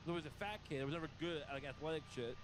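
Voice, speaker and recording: A man's voice: on the high side, racing, noisy background. A middle-aged man in casual comedic chat, talking in a rambling, self-deprecating way.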